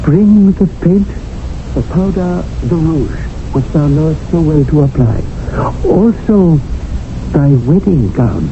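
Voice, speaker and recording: Taking it slowly, a man with an expressive, highish voice plays a household servant, wry and scheming, narrating in theatrical 1970s radio drama fashion. He delivers the lines slyly and ornately. The background is noisy, and the recording is a tinny old radio broadcast with music.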